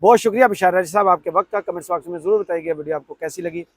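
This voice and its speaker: Fast-talking high-voiced male host. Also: no echo. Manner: quick, probing questions. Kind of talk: political talk show interview.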